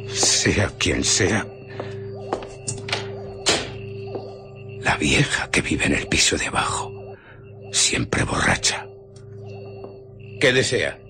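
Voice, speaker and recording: An actor with an accent from Spain playing an obsessive, irritable, secretive scientist in a radio drama, telling his story theatrically in a husky, breathy voice. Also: rumbling low, very animated, takes it slowly, long pauses, music in the background, full character voice. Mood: tense, secretive, then irritated, curt. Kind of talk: Spanish radio drama acting.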